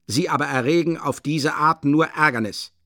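Reading an audiobook, a man voices a stern policeman who speaks in curt, firm official phrases, pitching the character above his own natural voice. The delivery is at normal speed and fairly bright, recorded cleanly in a studio without echo.

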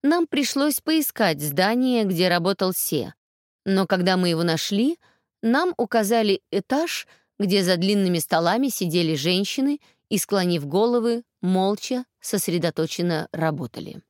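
A woman reading a first-person novel aloud as an audiobook narrator, calm and measured. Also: mid-range voice, no room sound, studio quality.

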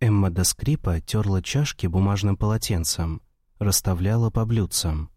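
A man narrating an audiobook in a measured, even reading. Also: low-pitched, dry recording, clean studio sound. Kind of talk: scripted narration.

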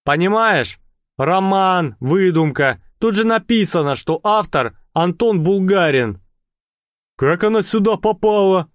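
A man's voice: high voice, lively intonation, unhurried, no echo, voice pushed up. A man voicing a pompous, hot-tempered male gang leader who lectures and snaps at his followers. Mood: irritated. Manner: speechifying then snapping. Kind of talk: audiobook character voice.

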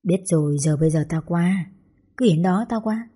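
A woman's voice: fairly low pitch, moderate pace, husky. A woman voicing a brash, blunt young mother. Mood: eager. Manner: loud, blunt, swears casually. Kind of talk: audiobook character dialogue.

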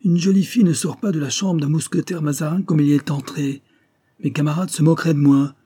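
A man's voice: medium pitch, moderate pace, warm tone, breathy edge, lightly acted. A man voicing an ardent young male lieutenant who pleads eagerly and turns furious. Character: ardent young male lieutenant, smooth-talking then violent. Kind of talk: audiobook character voice.

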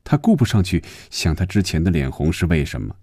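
A man with a very deep, dark, mellow voice reads a story aloud at a measured pace. His delivery is expressive and swings widely in pitch, and the sound is dry and close, as in a broadcast storybook reading. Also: no room sound. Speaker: narrator.

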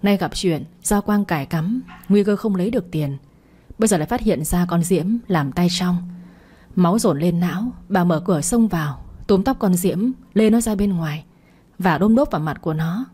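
A woman reading a dramatic family story as narrator, in a steady storytelling way. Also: on the low side, moderate pace, slightly rough.

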